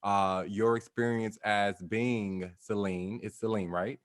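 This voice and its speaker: A man's voice: on the low side, steady tone, slow pace, dry recording, clean studio sound. A man hosting a live talk show, introducing guests in a loose, upbeat way with casual slang. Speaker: host.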